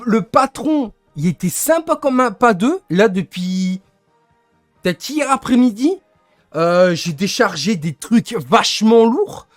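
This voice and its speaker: A man's voice: high voice, no echo. A young man venting to his stream chat in a rambling, annoyed way, often searching for words. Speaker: livestreamer.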